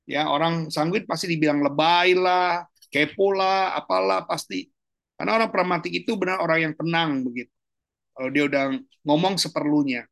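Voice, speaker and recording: A man speaks in a fairly high voice, loose and colloquial, a pastor teaching over a video call. His pitch leaps when he makes a point, and he laughs now and then. The sound is dry, with no room around it. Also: dry recording. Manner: animated, colloquial, jumps high in pitch for emphasis and laughs often. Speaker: pastor giving a seminar. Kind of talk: casual teaching talk. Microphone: online video call.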